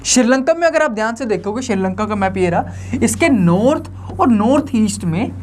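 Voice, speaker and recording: A man's voice: sits high, expressive, a little fast, a little mellow, slight background noise. A young man teaching an online lecture in a conversational way, often asking the viewers rhetorical questions.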